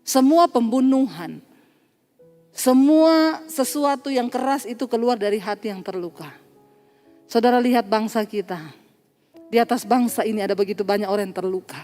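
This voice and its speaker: Woman pastor, high voice, lively storytelling sermon; long church reverb, faint music under. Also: moderate pace, long pauses. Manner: animated, acts out dialogue, laughs at own jokes.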